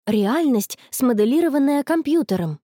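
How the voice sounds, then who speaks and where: Storybook teen girl, dreamy and stubborn, read by a woman; soft, dry, close delivery. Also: high voice, animated, normal speed, no room sound, voice pushed up. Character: dreamy stubborn schoolgirl in love, teenage.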